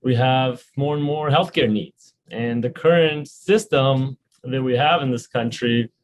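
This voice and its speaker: Earnest man, halting speech. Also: medium pitch. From Romania. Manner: earnest, many restarts and filler words. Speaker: health insurance company founder and CEO. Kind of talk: podcast interview.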